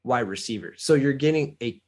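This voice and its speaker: A man's voice: medium pitch, expressive, brisk, darkish tone. A man co-hosting a casual sports podcast, breaking down a football draft and weighing both sides. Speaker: podcast co-host.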